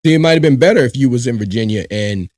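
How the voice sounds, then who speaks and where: A man's voice: mid-range voice, lively intonation, quick pace, darkish tone, no room sound, clean studio sound. A man hosting a live reaction show, commenting emphatically and talking straight to his viewers, often repeating himself. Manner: emphatic, repetitive, addresses viewers directly.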